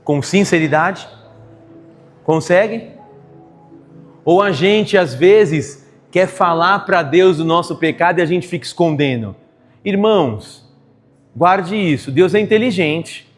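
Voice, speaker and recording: A man preaching a sermon at a church service, swinging from quiet confession to loud emphatic outbursts. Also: sits high, slow pace, pauses often, soft background music. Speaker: pastor preaching.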